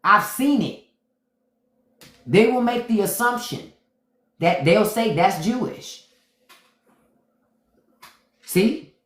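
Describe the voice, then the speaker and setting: Her mid-range voice is animated but slow, with frequent pauses, and the audio sounds roomy. She's a podcast host chatting casually on a livestream from a home room, stressing and repeating her points while reading out comments from viewers.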